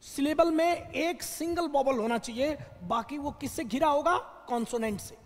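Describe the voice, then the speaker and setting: High, gravelly man teaching. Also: big-room sound. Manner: explains slowly, asks and answers his own questions. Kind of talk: classroom vocabulary lesson. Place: classroom.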